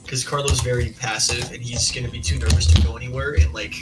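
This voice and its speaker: A man's voice: medium pitch, level tone, quick pace, rough recording. Young guy player, rambly and unsure, says like a ton, music behind. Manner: rambling, hesitant, lots of "like". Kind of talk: casual tabletop game chat.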